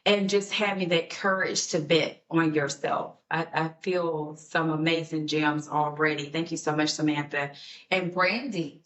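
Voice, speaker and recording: A woman's voice: low-pitched, steady tone, measured pace, a bit bright, recorded from a distance. Enthusiastic woman podcast host. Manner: enthusiastic, affirming. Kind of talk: hosting a podcast panel.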